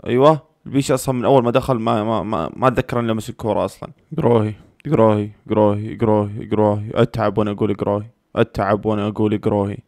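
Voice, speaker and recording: A man's voice: fairly low pitch, little pitch movement, rapid-fire, few pauses, darkish tone, no room sound, clean studio sound. A man reacting live to a football match, anxious and pleading, repeating the same phrases again and again.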